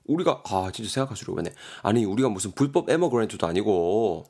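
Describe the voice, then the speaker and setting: A frustrated young man with a Gyeongsang Korean accent complains about being wronged, voiced by a man reading a story. The voice sits low and sounds everyday. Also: expressive, moderate pace. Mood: exasperated.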